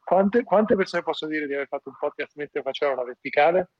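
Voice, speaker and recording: A man's voice: fairly high pitch, animated, brisk, no echo. A man calling in to a podcast from a gym over the phone, joking around as he works out, and his voice sounds like it is coming through speakerphone. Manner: talks while working out, teasing. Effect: heard over a phone call, sounding like speakerphone. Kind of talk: casual chat. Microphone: phone headset. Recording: muffled phone line with faint background noise.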